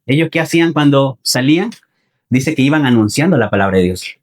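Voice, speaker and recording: A man preaching a Sunday sermon in who often repeats phrases, asks the congregation questions and calls them his brothers. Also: mid-range voice. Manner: addresses listeners as brothers.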